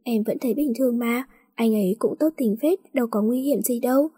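Brief: a pouty young wife in a storybook, slightly high and breathy, voiced by a woman narrator. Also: a little fast, dark tone, dry recording, studio quality. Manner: pouty, curt replies. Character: young wife, teasing and sulky.

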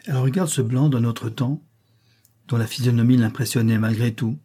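A man narrating an audiobook with a measured, dramatic reading. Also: medium pitch, steady tone, mellow, breathy edge.

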